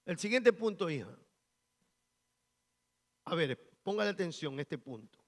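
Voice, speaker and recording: A man preaching a sermon as pastor, rising loud on key phrases. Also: fairly high pitch, big pitch swings, unhurried, in a large hall. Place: church sanctuary.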